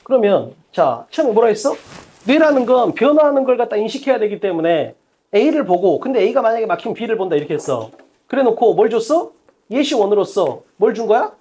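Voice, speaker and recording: A woman tutor lectures at a whiteboard, her pitch sitting a little high and swinging widely as she drills her students. She talks bluntly and casually, tossing out one rhetorical question after another and hammering the same point home. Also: dark tone, breathy edge. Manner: emphatic, quizzing students with rapid rhetorical questions; blunt and colloquial, repeating key points. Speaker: English exam tutor.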